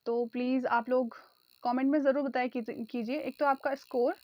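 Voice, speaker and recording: A woman's voice: sits high, steady tone, normal speed, a little mellow. A woman teaching an online exam-prep lesson, calling her viewers friends and repeating the key answers.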